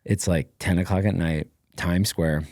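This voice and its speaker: A middle-aged man, a former Navy SEAL, telling stories as a guest in a casual podcast interview, with lots of fillers and an energetic, rambling style. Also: sits low, unhurried, dry recording, studio quality.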